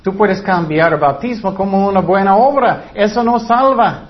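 A man's voice: sits high, moderate pace. A man preaching a sermon in earnest, emphatic Spanish with some grammar slips, repeating his key points. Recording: dull lo-fi recording.

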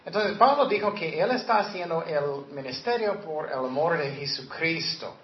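A man's voice: on the high side, animated, normal speed. A man preaching a sermon as a pastor, earnest and direct, sometimes acting out the voices he quotes. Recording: echoey, dull lo-fi room recording.

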